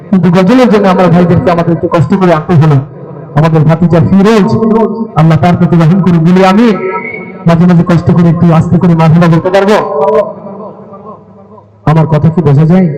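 High-voiced man rousing a stage crowd. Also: fairly even intonation, fast talker, long pauses, mellow, lo-fi sound. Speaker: gojol singer at a religious gathering. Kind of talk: stage talk and devotional singing. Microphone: stage microphone on a sound system. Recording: music clearly behind the voice. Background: music.

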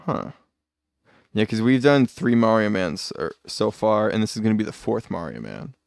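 A man's voice: on the low side, lively intonation, normal speed, vocal fry, dry recording, clean studio sound. A man streaming a video game live, chatting casually and rambling, often muttering asides and correcting himself. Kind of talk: casual live gameplay chat.

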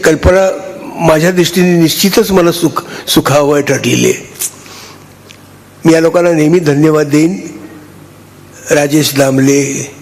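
Older man, gravelly, fairly high-pitched, halting stage speech. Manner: halting, restarts, warm and chatty with the crowd. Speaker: honoree giving a speech.

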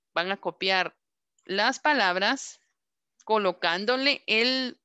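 A woman's voice: medium pitch, pushed and bright, clear, resonant tone. A woman English teacher giving an online class, patiently repeating words for students to echo. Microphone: computer microphone on a video call.

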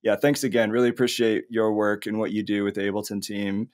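A man's voice: on the low side, level tone, fast, a little mellow. A man hosting a podcast, upbeat and enthusiastic with his guest. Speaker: podcast host. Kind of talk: casual interview chat.

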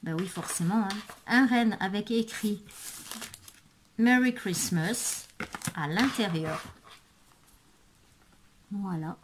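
A woman presenting craft supplies in a casual video, hesitant and full of fillers, murmuring softly while she handles things. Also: medium pitch, slow pace, long pauses, background noise. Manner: hesitant, many fillers and restarts. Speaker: craft vlogger. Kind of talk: casual product show-and-tell.

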